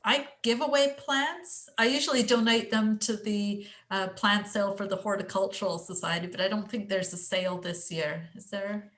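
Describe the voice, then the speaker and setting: A woman's voice: medium pitch, fairly even intonation, normal speed, hardly any pauses, a bit bright. English woman, chatty, self-deprecating, video call presentation, fillers. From England. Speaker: guest speaker presenting her garden.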